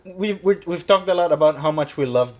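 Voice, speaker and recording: A man hosting a casual podcast chat, agreeable and chatty, jumping in with quick interjections. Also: a little high, a crowd in the background.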